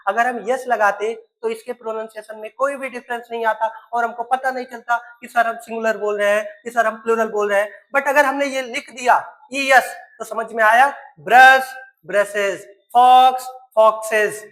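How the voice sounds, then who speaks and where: A man's voice: extremely high pitch, a bit bright, rough recording. Male teacher quizzing his pupils. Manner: keeps quizzing students, spells words letter by letter. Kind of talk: recorded classroom lesson.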